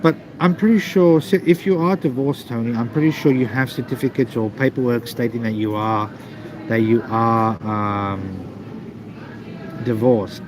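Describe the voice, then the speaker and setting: A man casually chatting to live stream viewers in a halting, repetitive way. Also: medium pitch, fairly even intonation, a crowd in the background. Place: busy airport waiting area. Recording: noisy airport background ambience.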